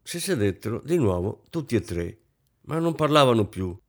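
A man narrating a literary novel aloud with a dramatic, varied delivery. His pitch swings widely, though his voice sits in the middle range. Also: big pitch swings, moderate pace. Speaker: audiobook reader.

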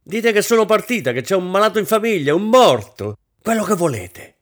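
A man reading aloud voices an anxious wealthy hostess, a woman who talks in a frantic, high-strung way. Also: sing-song, fairly quick.

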